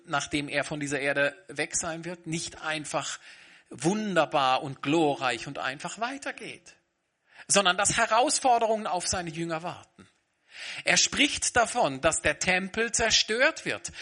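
A man's voice: high voice, sharp tone, breathy edge. A man preaching a sermon, talking earnestly and straight to his congregation. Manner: earnest, addresses congregation directly. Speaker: pastor.

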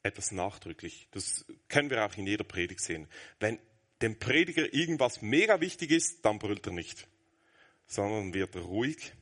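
A man in his thirties preaching a sermon, earnest, moving between brisk explanation and a soft, hushed near-whisper. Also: on the low side, sing-song.

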